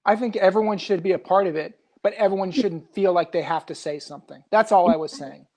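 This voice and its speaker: A man's voice: sits high, fairly quick, darkish tone. Earnest, reflective male guest. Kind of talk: casual group discussion.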